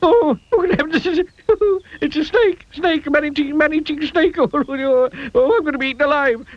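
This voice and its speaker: A man's voice: very high-pitched, moderate pace, dry recording, pitched above the performer's own voice. A man voicing a jittery, timid little man who shrieks and stammers in panic. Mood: panicky. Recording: dull lo-fi audio.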